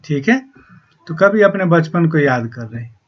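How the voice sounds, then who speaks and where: A male teacher explaining a poem to young pupils, reading the verses slowly and then explaining them, often adding a questioning "na". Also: on the high side, animated. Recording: dull lo-fi sound.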